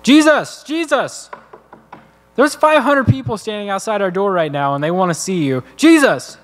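A man putting on a shrill, frantic disciple. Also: lively intonation, moderate pace. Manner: shrill, panicked calling. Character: frantic young male disciple calling out. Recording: long church hall reverb.

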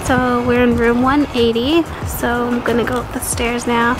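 A young woman talks casually into a camera held at arm's length, her voice sitting a little high. She is blunt and sarcastic. Loud music plays under her. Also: little pitch movement, moderate pace, low-quality recording. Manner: blunt, sarcastic food critique. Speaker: vlogger. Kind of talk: casual vlog narration. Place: in a car, then outdoors at a hotel.

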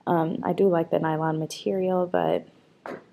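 A woman's voice: fairly low pitch, flat delivery, moderate pace, gravelly, mellow. A young woman chatting casually to camera in a vlog, rambling with lots of fillers and talking while walking about. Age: young adult. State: out of breath. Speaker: vlogger.

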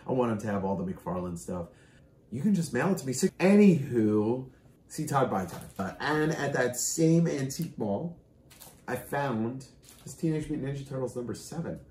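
A middle-aged man talks with loud, lively enthusiasm, his voice landing at an ordinary pitch. The sound carries a roomy echo, as if recorded at a table across from the camera in a shelf-lined room. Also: normal speed, slight background noise. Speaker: co-host of a comic collecting show. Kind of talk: casual chat showing off comic finds. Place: indoor room lined with comic shelves, seated at a table.

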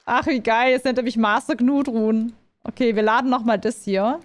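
A woman chatting casually as she plays a game, reading and translating the lines aloud as she goes. Her voice sits slightly high. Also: fairly even intonation, normal speed. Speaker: gaming streamer.

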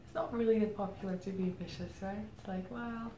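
In this reflective interview, the guest, a marketing head from the Czech Republic, speaks thoughtfully and pauses with lots of "um"s. Her voice is medium-pitched and mellow, with fairly even intonation. A plain grey backdrop sits behind her indoors; the audio has roomy echo and faint background noise.

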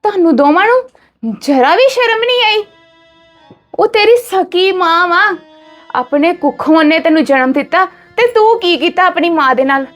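A woman's voice: extremely high pitch, lively intonation, normal speed, a bit bright, faint music behind. A woman with a Punjabi accent playing a devoted daughter who angrily scolds her brothers for how they have treated their mother. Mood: scolding. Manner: scolding, emphatic. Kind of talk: Punjabi family drama acting.

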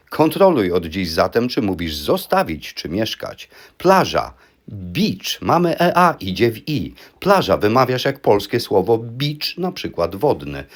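A man teaching English pronunciation in a firm, emphatic scripted monologue, drilling word pairs one by one. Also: on the low side.

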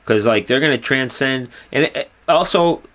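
Male podcast co-host, relaxed, halting, filler-heavy casual talk. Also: mid-range voice. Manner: halting, full of fillers and trailing thoughts.

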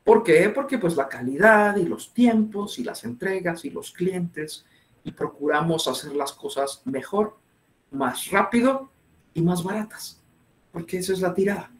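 High-pitched guy giving a webinar talk, lots of questions to the class. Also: measured pace, roomy sound. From northern Mexico. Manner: animated, asks the audience many questions. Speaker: webinar speaker. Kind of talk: interactive online lecture.

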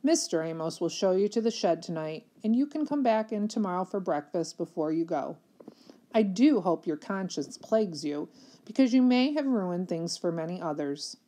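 A woman's voice: fairly low pitch, animated, normal speed, mellow, lightly acted. A woman voicing a haughty middle-aged foster mother who scolds in stiff, formal words. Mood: scornful. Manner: formal, scolding, lofty diction.

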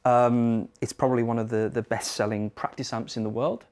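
Male product rep, 30s, conversational demo delivery, mid-pitched voice. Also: little pitch movement, a little fast, darkish tone. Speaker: product representative for a guitar amp brand. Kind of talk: casual product demo chat. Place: indoor guitar shop.

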